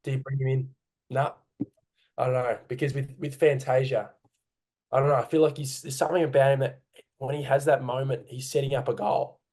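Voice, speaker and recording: A man's voice: mid-range voice, level tone, fairly quick, a little mellow. A man with an Australian accent co-hosting a casual sports podcast, rambling and correcting himself as he talks from home. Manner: rambling, hesitant, self-correcting. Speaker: podcast co-host. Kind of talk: casual chat. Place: home room.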